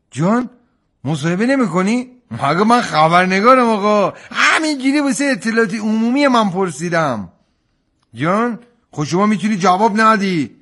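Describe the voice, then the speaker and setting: Bright high-voiced man teasing on air. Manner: teasing, mock-chummy. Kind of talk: comic phone banter.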